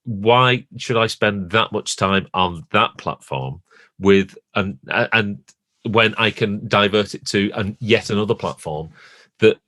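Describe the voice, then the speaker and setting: Lower-voiced man, halting podcast talk. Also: pushed and bright, dry recording. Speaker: podcast co-host. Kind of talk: casual podcast chat.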